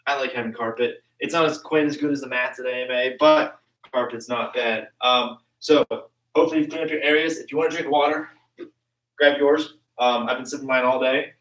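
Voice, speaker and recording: A man's voice: mid-range voice, fairly even intonation, brisk, fairly bright tone. A young man teaching a martial arts class over a live stream from his home basement, talking casually with lots of ums. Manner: casual, chatty, many ums. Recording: echoey room, far from the mic.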